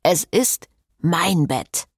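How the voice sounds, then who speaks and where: A woman's voice: fairly low pitch, animated, extremely slow, gravelly, slightly rough, dry recording, clean studio sound, heavily acted. A woman voicing a flustered young male priest who pleads and protests in an audiobook scene. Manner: pleading, exasperated.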